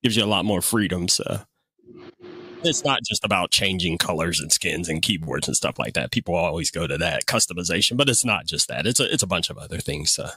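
A podcast host keeps a casual interview chat jokey and easygoing, chuckling often with his guest. His low-pitched voice is husky, expressive and brisk, with a pushed, bright quality.

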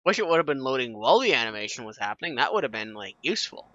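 Bright-voiced man commenting on gameplay. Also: medium pitch, fast talker, no echo, highs cut off. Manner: relaxed, offhand remarks with fillers. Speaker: gameplay streamer.

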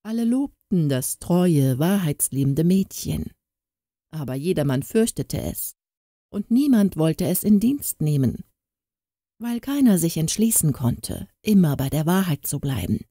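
Dark-voiced woman reading a fairy tale. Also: deep voice, a little slow, no room sound, clean studio sound. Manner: expressive storytelling delivery. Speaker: audiobook narrator. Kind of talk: scripted fairy-tale narration.

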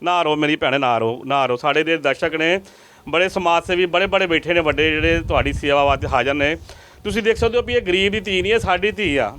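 A male field reporter talks quickly in a fairly high voice. He keeps pleading with viewers to help, repeating his appeals again and again. He is interviewing a family in their rented home. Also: fairly bright tone, slight background noise.

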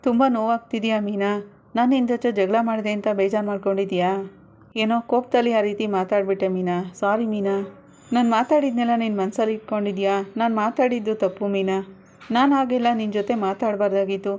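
A woman voicing an anxious young husband who gently comforts and apologizes to his wife. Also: mid-range voice, fairly even intonation, fairly quick, natural voice. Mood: consoling. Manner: soothing, apologetic pleading. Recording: dull lo-fi recording.

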